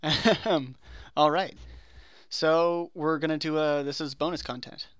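A man's voice: on the high side, fairly even intonation, a little slow, a bit bright, smooth, no echo, clean studio sound. A man running a tabletop role-playing session as game master, talking in a rambling, self-correcting way. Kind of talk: casual tabletop game chat.

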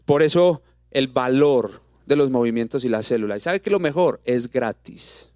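A man with a Colombian Spanish accent preaching a sermon, throwing out rhetorical questions and dropping to soft, intimate tones for the words of scripture. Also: mid-range voice, expressive, normal speed, no room sound, clean studio sound. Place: church auditorium. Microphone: handheld microphone.

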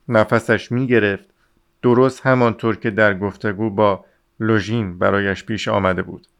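A man narrating a classic novel as an audiobook in a steady, measured reading. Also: on the low side, clear, resonant tone. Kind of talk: scripted narration.

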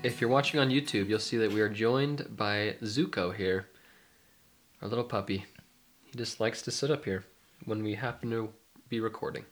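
Soft music plays in the background as a young podcast co-host, a mindfulness life coach, chats casually. His voice is on the low side with fairly even intonation at normal speed, and a cold leaves it nasal and stuffy.

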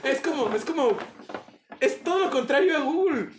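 A man's voice: very high voice, expressive, normal speed, roomy sound, slight background noise. A man co-hosting a podcast, dropping wry joking asides. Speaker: podcast co-host. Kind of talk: casual chat.

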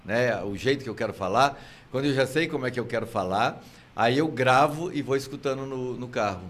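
An older man, a theater actor chatting casually and telling anecdotes with lively expression. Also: medium pitch, brisk. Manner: expressive storyteller, acts out anecdotes. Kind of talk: casual chat.

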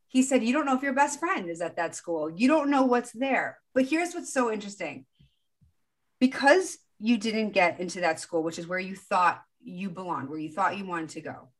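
A woman in her forties hosting a podcast, talking casually and encouragingly about a spiritual approach to life. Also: medium pitch. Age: 40s. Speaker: podcast host. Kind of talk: casual spiritual coaching talk.

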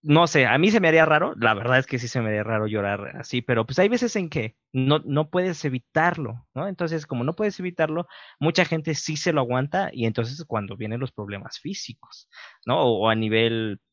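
A man's voice: mid-range voice, animated, a little fast, a bit bright, no room sound. A man co-hosting an interview, reflecting aloud with hesitant fillers. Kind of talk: casual podcast interview. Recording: dry, dull lo-fi sound.

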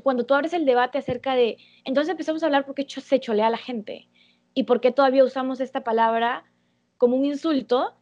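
A young woman with a fairly high voice talks earnestly, explaining at length in a casual conversation. The recording is muffled and lo-fi. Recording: dull lo-fi sound.

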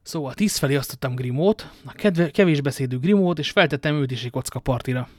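A man's voice: medium pitch, darkish tone, no room sound, studio quality, close to an everyday voice. A man reading an audiobook and voicing Athos, a worldly, ironic musketeer, with a languid manner of telling his tale. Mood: wry.

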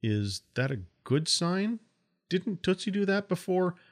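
A man's voice: high voice, big pitch swings, a little slow, voice pushed up. A man doing a flustered nervous young man.

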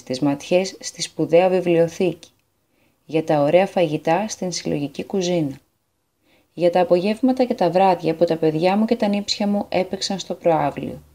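A woman with a Greek accent reading a personal statement on a community radio news bulletin in an earnest, measured way. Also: fairly low pitch, mellow.

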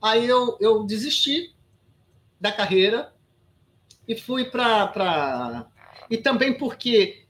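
Speaking slowly with long pauses, this Brazilian actress in her sixties has a fairly high, animated voice. As a guest on an interview podcast, she tells a story with emphasis in a Brazilian Portuguese accent, restarting often and adding "sabe?" asides.

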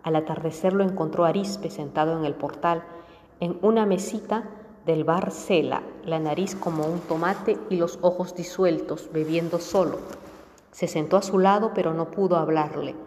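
A woman narrating a literary audiobook in a measured, even reading. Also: lowish voice. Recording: reverberant room with faint music.

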